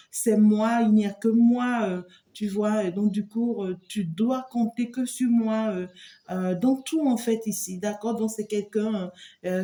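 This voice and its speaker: A woman's voice: mid-range voice, mellow, roomy sound. A woman doing a spoken tarot reading for the viewer, rambling with lots of filler words and often checking that the listener follows. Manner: loose and rambling, full of filler words and repeated "here". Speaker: tarot reader and medium.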